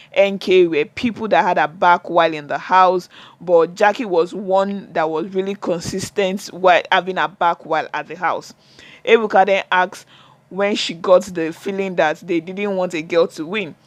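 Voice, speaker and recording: A man talks through a reality show reunion in a chatty vlog, pitched fairly high for a man. His voice sounds dry and close, with no room echo. He keeps up a running retelling, tossing in exasperated comments to the audience. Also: fairly bright tone. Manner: chatty, retells what was said, many "and all" fillers; exasperated asides to viewers. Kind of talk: casual recap vlog.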